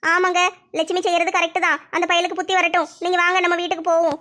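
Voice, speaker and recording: A woman voicing a mother-in-law who gently coaxes her daughter-in-law to come home. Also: very high voice, level tone, quick pace, pitched below the performer's own voice. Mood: firm. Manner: soothing and persuading.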